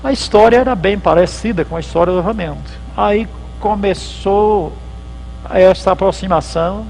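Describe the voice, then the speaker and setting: In a lecture hall at a theological symposium, a pastor delivers a church history lecture as chatty storytelling, acting out the dialogues. His voice sits high and darkish, with vocal fry at a moderate pace. Soft music plays in the background of this low-quality recording.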